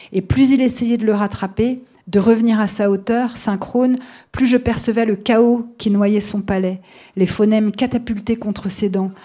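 A woman author talking about her fiction and reading a passage of it aloud in a measured, thoughtful way. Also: medium pitch, warm tone.

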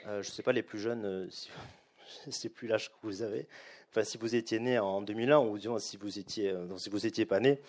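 A middle-aged man giving a public lecture to a live audience, explaining in a measured, hesitant way with frequent pauses and restarts. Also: lowish voice, a little mellow.

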